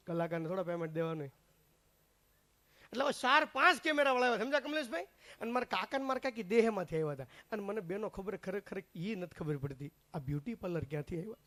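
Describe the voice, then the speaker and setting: A man's voice: high voice, lively intonation, fast talker, pushed and bright. A man doing live stage comedy, chatting straight to the crowd. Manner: chatty, addresses the crowd directly. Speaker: stand-up comedian and mimic.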